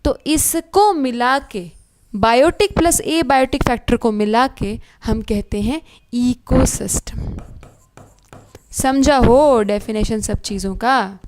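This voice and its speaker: Woman teaching biology online, high voice, animated and chatty with students. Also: takes it slowly, slight background noise. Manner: animated, addresses students as beta, asks checking questions. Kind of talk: online exam-prep lecture.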